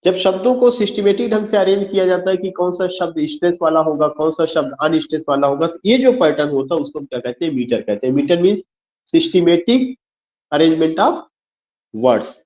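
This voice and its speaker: A male teacher with a slightly high voice lectures a class, repeating each key term and spelling words letter by letter. He poses questions and answers them himself, slipping English phrases into his explanations. The recording sounds dull and lo-fi. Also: moderate pace, echoey room.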